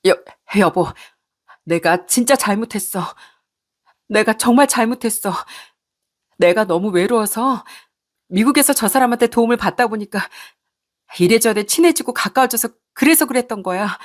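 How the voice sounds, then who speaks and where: A woman's voice: mid-range voice, expressive, moderate pace, natural voice. A woman voicing a flustered, guilty wife who stammers and pleads. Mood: flustered, pleading. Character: flustered wife caught cheating, begging.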